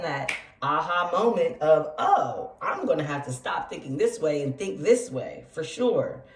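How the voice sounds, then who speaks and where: A woman giving a casual, chatty tarot reading for her channel, full of slangy asides and quick explanations of each card. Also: deep voice, darkish tone. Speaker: tarot reader. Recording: echoey room, distant from mic.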